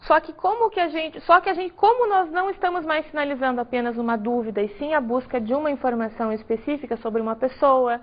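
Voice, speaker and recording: A woman's voice: high voice, quick pace, few pauses. A woman from Brazil, an English teacher, patiently explaining grammar and stressing each example word. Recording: dull lo-fi recording.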